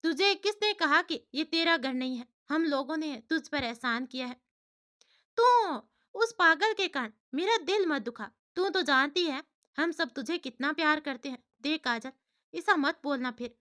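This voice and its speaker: A caring young woman scolds and soothes her friend in a bright, high voice, as a woman storyteller reads her. She sounds affectionate and bossy, a storybook sister figure. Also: moderate pace. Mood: scolding.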